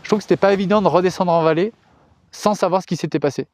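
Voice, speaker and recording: A young man, a mountaineer, speaking in a thoughtful, measured way with frequent hesitations in a documentary interview. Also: high voice, darkish tone, no room sound. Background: music.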